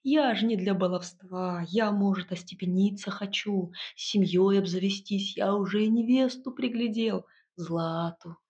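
A woman's voice: mid-range voice, a little slow, darkish tone, highs cut off, lightly acted. A woman voicing a burly, clumsy young male hero who pleads in a flustered way. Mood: pleading.

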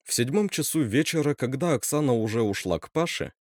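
A man narrating a scripted horror story in an expressive way, doing all the characters' voices himself. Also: mid-range voice, fairly quick, no echo, clean studio sound.

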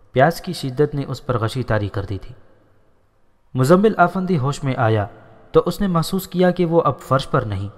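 A man tells a story in a steady, measured voice. His pitch sits in the middle of the range. A long reverb rings out behind every phrase. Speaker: narrator. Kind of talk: storytelling narration.

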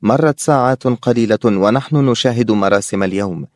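Steady male audiobook narrator. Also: medium pitch, brisk, no room sound, clean studio sound.

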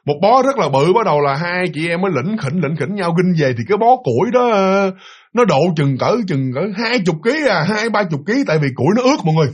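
A man with a Southern Vietnamese accent tells a ghost story in a loose, conversational way. His voice sits high for a man, and he circles back, repeats phrases and talks straight to his listeners. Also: big pitch swings, fast. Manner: rambling, repetitive, addresses listeners. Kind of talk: casual ghost-story telling.

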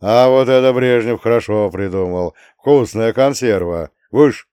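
A male reader puts on a gruff old war veteran grandfather from an audiobook, coarse and swearing as he grumbles. He speaks a bit louder and slower than the narration, in a low register. The recording is dry and close. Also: no echo, close to an everyday voice. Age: older.

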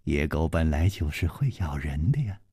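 A man's voice: big pitch swings, moderate pace, breathy edge, no echo, studio quality, full character voice. Chu Liuxiang, a man doing a teasing young swordsman. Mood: teasing, tender. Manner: low, soft, teasing murmur.

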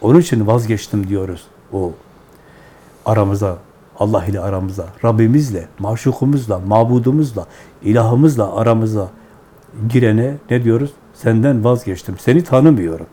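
Deep-toned man giving Sufi teaching. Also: warm tone, breathy edge. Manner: measured, repetitive, chant-like phrasing. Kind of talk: devotional teaching to callers.

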